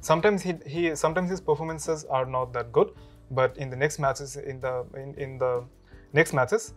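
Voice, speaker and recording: Slow, hesitant young man from Bangladesh. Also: a little high. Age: 20s. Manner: slow and hesitant, with fillers and restarts. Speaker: IELTS test candidate, undergrad student. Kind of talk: mock speaking-test answers.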